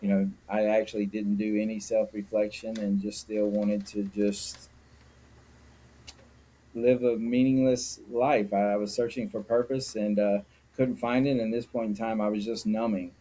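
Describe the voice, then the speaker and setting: Low, mellow-voiced man from Mississippi. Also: level tone, moderate pace. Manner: candid and reflective, with frequent fillers. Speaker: guest, sober living founder. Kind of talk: personal interview.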